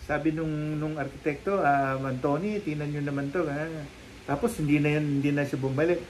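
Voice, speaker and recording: A man chatting casually as a guest on a live talk show, telling lively anecdotes and acting out the people in them. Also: on the high side, fairly quick, slight background noise, rough recording. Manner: lively storytelling, acting out quoted people, frequent laughs. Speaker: guest storyteller, psychic. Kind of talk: casual chat, animated anecdotes.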